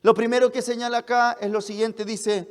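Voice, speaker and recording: A man preaching a fervent sermon as a pastor, asking rhetorical questions and pressing toward shouts. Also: very high voice, level tone, normal speed. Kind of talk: sermon at a leaders' retreat. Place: retreat hall. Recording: long hall reverb.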